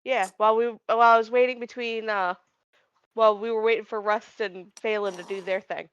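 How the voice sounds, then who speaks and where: A woman's voice: on the high side, fairly even intonation, fairly quick, fairly bright tone, smooth, muffled recording. A woman player chatting casually during a break in a tabletop game stream, talkative and giggly. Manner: chatty, giggly, talks around snacks.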